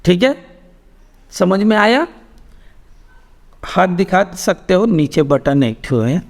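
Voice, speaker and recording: A man with an Indian English accent teaching a spoken English class, explaining slowly and repeating words, with lively rises in pitch.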